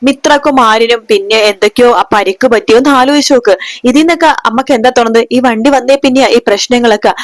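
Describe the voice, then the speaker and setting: A woman's voice: fairly high pitch, dry recording. A woman retelling a TV serial episode in a chatty way, briefly voicing the characters' lines as she goes. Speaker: serial recap narrator.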